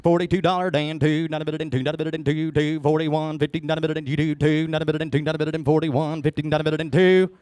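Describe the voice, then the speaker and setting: A man's voice: fairly high pitch, little pitch movement, racing, hardly any pauses, a little mellow, no echo, clean studio sound. A man working as a livestock auctioneer, chanting bids in repeated phrases.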